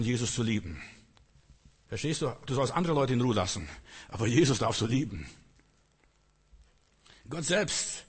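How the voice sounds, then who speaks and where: Husky-voiced man preaching in a hall. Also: medium pitch. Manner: earnest, coaxing, addresses listener directly. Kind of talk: sermon. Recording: long hall reverb.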